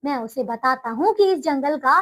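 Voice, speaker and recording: A woman's voice: high-pitched, expressive, normal speed. A woman reading aloud and voicing a proud, angry male lion who rules the forest, roaring threats. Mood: furious.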